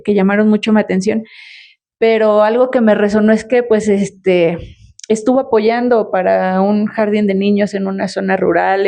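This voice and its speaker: A woman's voice: medium pitch, darkish tone. A woman hosting a podcast interview, asking respectful, somewhat hesitant questions with many fillers. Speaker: podcast host.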